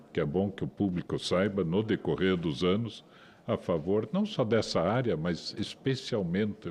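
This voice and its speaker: A man's voice: deep voice, a little mellow, a little hiss or hum. A Brazilian man chairing a legislative committee session, speaking in a formal, procedural way. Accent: Brazilian Portuguese.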